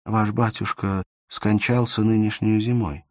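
A man's voice: fairly low pitch, fairly even intonation, a little slow, no room sound, clean studio sound, pitched above the performer's own voice, lightly acted. A man reading aloud voices a serious young woman who asks pointed, cool questions. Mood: curious.

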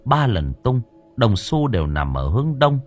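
A man narrating an audiobook story in an expressive storytelling manner. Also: mid-range voice, moderate pace. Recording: narration with faint music.

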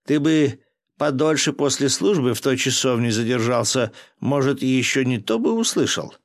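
A man's voice: mid-range voice, lively intonation, moderate pace, voice pushed up, natural voice. A man voicing a young soldier who jeers and mocks a comrade by the campfire in an audiobook. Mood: mocking. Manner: mocking, jeering. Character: mocking male soldier, young, jeering at a comrade.

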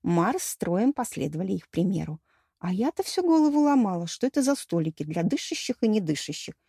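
A woman's voice: mid-range voice, very animated, a little fast, creaky, dark tone, husky, dry recording, studio quality. A woman narrating a fantasy novel in the first person, with a wry, storytelling delivery. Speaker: audiobook narrator.

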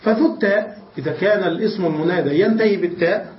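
Male grammar teacher, quizzes his class, repeats examples; dull lo-fi recording with faint noise. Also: sits high. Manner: asks students questions and repeats examples slowly. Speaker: sheikh teaching Arabic grammar. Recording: roomy, distant, dull lo-fi recording.

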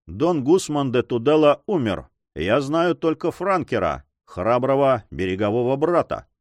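A man voicing a stern, fatherly count in an audiobook, speaking quietly but commandingly. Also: mid-range voice, sing-song, a little slow, no echo.

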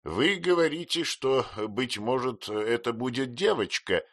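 A man's voice: mid-range voice, lively intonation, unhurried, a bit bright, no echo, studio quality, voice pushed up. A man voicing a stern, commanding elderly aunt who speaks sharply and impatiently.

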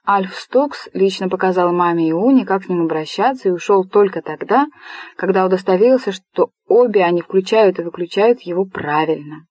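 A woman narrates a story with measured, expressive pacing. Her voice sits in a middle register. The recording is close and completely dry. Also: medium pitch, dry recording. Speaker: audiobook narrator.

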